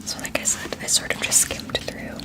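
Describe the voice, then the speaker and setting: A woman in a whispered role-play, chatting as if to a close friend, keeping hushed and quiet at night so nobody wakes. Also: moderate pace. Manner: quiet at night, hushed so as not to wake others. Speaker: ASMR performer.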